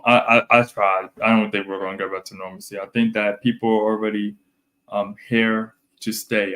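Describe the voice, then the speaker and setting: A man co-hosting a casual podcast, rambling and circling back to the same phrases with many fillers. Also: on the low side. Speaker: podcast co-host. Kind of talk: casual chat.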